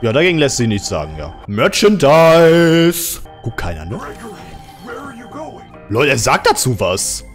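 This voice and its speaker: A man hosting a let's play with casual, jokey commentary, often yelling and laughing at the game. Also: medium pitch, very animated, unhurried, soft background music.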